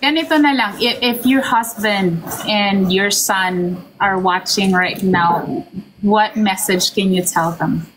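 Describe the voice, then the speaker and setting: A woman host interviews a guest, answering her story with encouraging remarks. She speaks slowly and unhurriedly, switching between English and Tagalog. Faint noise sits behind her voice. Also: mid-range voice. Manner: responsive, mixes English and Tagalog.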